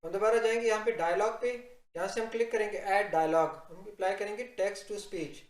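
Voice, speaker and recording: A man giving a software tutorial, explaining step by step and addressing viewers directly in an instructional narration. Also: sits high, steady tone, moderate pace. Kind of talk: instructional screen-recording narration. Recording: roomy, echoing voice-over.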